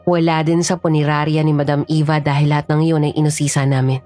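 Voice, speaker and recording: Low-voiced woman narrating a horror tale. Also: fast talker, music in the background. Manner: steady, serious storytelling. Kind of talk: scripted first-person horror narration.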